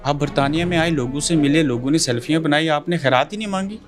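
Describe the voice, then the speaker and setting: A man's voice: on the high side, fast, music in the background. Male interviewer with pointed questions.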